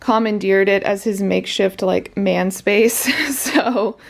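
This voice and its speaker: A woman's voice: mid-range voice, fairly even intonation, slow pace, vocal fry. A pregnant woman, chatting casually on a home vlog and a little short of breath. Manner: chatty, upbeat, often laughs. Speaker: vlogger. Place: bedroom at home.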